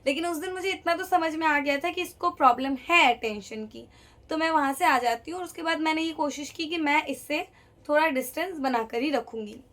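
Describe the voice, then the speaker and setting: A young woman telling a personal story in a casual vlog, lively and acting out each quoted voice. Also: high-pitched, brisk. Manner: lively, acts out every quoted voice.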